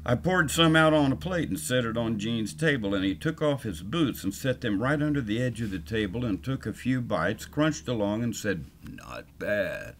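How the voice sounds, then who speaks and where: An older man telling a first-person story in a dry, unhurried yarn-spinning way. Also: mid-range voice, lively intonation, fairly bright tone, slight background noise.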